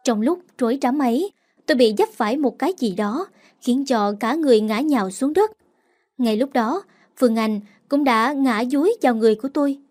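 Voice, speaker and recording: A woman's voice: high-pitched, a little fast, darkish tone. Woman narrating a dramatic story. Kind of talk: first-person audiobook narration.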